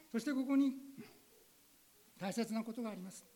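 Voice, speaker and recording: A woman's voice: a little high, dark tone, low-quality recording. A woman pastor giving an earnest sermon that asks her listeners direct questions, then leading a spoken prayer.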